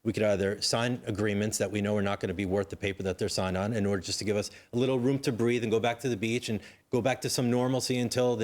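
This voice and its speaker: Insistent man arguing on a panel. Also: fairly low pitch. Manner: forceful, insistent, argumentative. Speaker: panel guest, co-founder of an initiative. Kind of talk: panel discussion.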